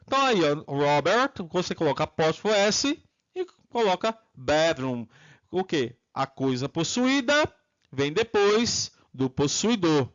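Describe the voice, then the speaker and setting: High-voiced Brazilian man teaching unhurriedly. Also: lo-fi sound. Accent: Brazilian Portuguese. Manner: drills students with repeated prompts and slow model phrases. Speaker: English teacher. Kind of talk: online English lesson.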